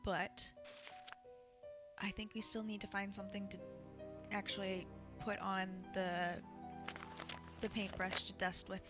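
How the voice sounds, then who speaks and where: A woman's voice: medium pitch, level tone, measured pace, long pauses. Sing-songy woman streaming a game. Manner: chatty, sing-songy, talks to her chat. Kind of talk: casual gameplay commentary. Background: game music.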